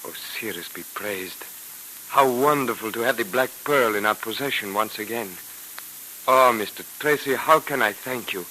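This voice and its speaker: An actor playing a fawning, formal Egyptian man in 1940s radio drama style, with slow, ornate, obsequious speech. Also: on the low side, bright, forceful tone, a little hiss or hum, rough recording.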